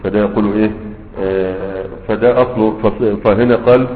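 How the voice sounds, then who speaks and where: A man's voice: fairly low pitch, steady tone, brisk, slight background noise. A man teaching Arabic morphology to students with an Egyptian accent, talking in a loose, conversational way and often checking that they follow. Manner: conversational teacher, frequent fillers and checks for understanding. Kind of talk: classroom lesson. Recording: echoey hall, tinny phone-like sound.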